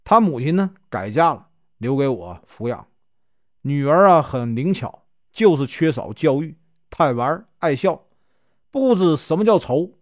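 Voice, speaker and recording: A man's voice: on the high side, very animated, a little slow, no room sound, studio quality. A man voicing a deaf, talkative old aunt who fusses over her guest and scolds her giggling girl. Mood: fussy, chatty. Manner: talkative, fussy, scolds loudly.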